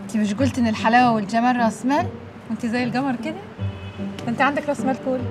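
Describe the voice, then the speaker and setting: A woman's voice: a little high, steady tone, rapid-fire, natural voice. An actress playing a loyal Egyptian woman friend who comforts and teases, in a TV drama with a music score. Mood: consoling, teasing. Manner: teasing, soothing.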